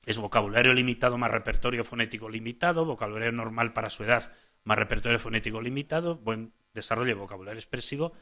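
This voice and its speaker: A language psychologist delivers a conference lecture on child speech to parents and professionals, his voice mid-range with a sharp edge. He frequently restarts phrases and tacks on "eh?" while directing the audience to his slides.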